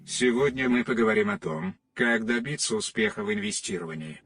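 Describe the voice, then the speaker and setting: A man's voice: mid-range voice, wildly swooping pitch, quick pace, creaky, a bit bright, soft background music, full character voice. A man voicing an earnest male student who asks short questions and gives prompts in Russian, recorded on a distant mic.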